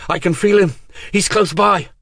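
A man's voice: mid-range voice, animated, brisk, no room sound, studio quality, voice pushed up, natural voice. A man voicing a wry, composed young woman mage in a raised voice. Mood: urgent.

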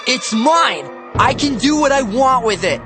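A man reading an audiobook and voicing a whiny, bratty young boy who shouts and complains, with soft music underneath. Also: wildly swooping pitch, takes it slowly, exaggerated voice. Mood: whining. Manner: shrill, whining, shouting.

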